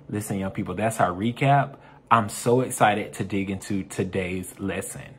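A man's voice: fairly low pitch, husky. A man serving as youth minister, leading an upbeat Bible lesson for young people and asking them questions as he teaches. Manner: upbeat, addresses kids directly with call-and-response questions.

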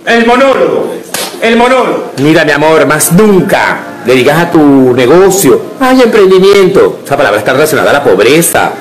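A man's voice: fairly high pitch, big pitch swings, normal speed, poor audio. A man acting a scolding, snobbish man in a short comedy clip, lecturing in a vehement, ranting way. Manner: scolding, vehement, calls people chusma.

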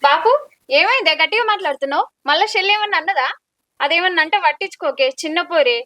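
A woman's voice: very high-pitched, expressive, fast, sharp tone, dry recording, full character voice. A woman playing an elder daughter who defends her sister to her father. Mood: pleading. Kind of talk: village drama acting.

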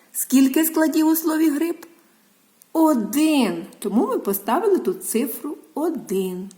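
Slow singsong lady teaching little kids, kinda high voice, goes way up and down, stretches out syllables. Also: dark tone. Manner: slow, sing-song, drawn-out syllables. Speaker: preschool teacher. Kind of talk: lesson for young children.

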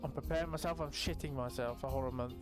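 A man's voice: medium pitch, fast talker. Chatty young man, game music. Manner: excitable, chatty, swears freely, talks to viewers. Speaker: gaming YouTuber. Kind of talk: casual gameplay commentary.

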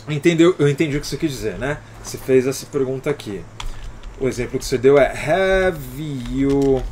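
A man's voice: mid-range voice, a little hiss or hum. A man with a Brazilian Portuguese accent teaching English on a live stream, explaining patiently and greeting viewers by name, often ending with "alright?".

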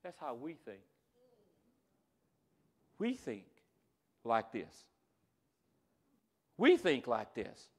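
A man teaching a church Bible class, animated and joking, dropping to quiet asides and rising to shouts. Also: medium pitch, very slow, pauses often.

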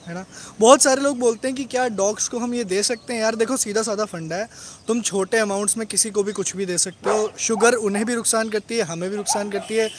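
A man's voice: sits high, steady tone, a little fast, a little hiss or hum. A man hosting a casual live stream about his dogs, rattling off greetings to commenters and often adding "right?" tag questions. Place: at home among his dogs.

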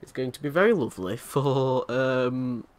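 A man's voice: mid-range voice, normal speed. A man giving casual commentary over a video game, joking crudely and talking back to the characters on screen. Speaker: let's play host.

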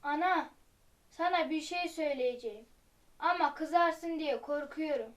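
A woman's voice: sits high, unhurried. A female performer playing an earnest patriotic teenage boy, reciting declamatory lines in an amateur school play. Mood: hesitant, longing. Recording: very echoey room.

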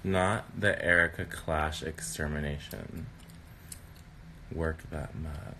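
A man's voice: extremely low pitch, fairly even intonation, slow pace, sharp tone, slight background noise. A young man, a sassy drag queen, bantering casually backstage. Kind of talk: casual chat. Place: backstage dressing room.

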